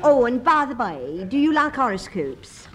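A woman's voice: fairly high pitch, big pitch swings, moderate pace, crowd noise. Giggly landlady going on and on, voice bouncing way up and down. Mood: chatty. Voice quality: gushing, giggling. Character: giggly, chatty, eccentric older landlady. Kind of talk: radio comedy acting.

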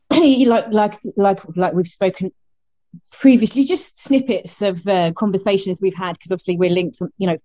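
A middle-aged woman with a South London accent, chatting casually as an interview guest in a halting, self-interrupting way over a muffled remote call. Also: medium pitch, warm tone, no echo. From South London, England. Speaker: fitness instructor, interview guest.

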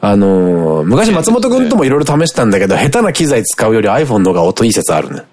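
Man, casual podcast chat, fast talker, lively pitch, slightly low voice. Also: no echo. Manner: animated, joking, fast-talking. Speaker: podcast host.

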